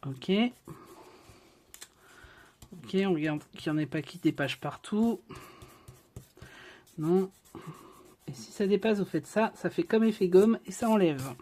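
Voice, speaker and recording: A woman's voice: fairly low pitch, measured pace, long pauses, warm tone. A woman hosting a casual craft tutorial, chatting as she works and checking in with viewers as she goes. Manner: chatty, talks straight to viewers with frequent check-ins. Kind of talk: casual step-by-step craft demonstration.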